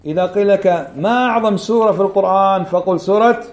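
A man teaching a religious lesson, repeating key phrases slowly and quizzing his class. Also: high voice. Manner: quizzes the class with quick questions.

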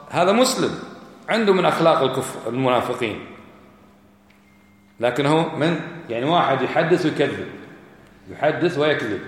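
Male preacher, argumentative delivery, heavy echo from a large hall. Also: fairly high pitch. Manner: argumentative, rhetorical questions. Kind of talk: religious lesson. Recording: echoey hall.

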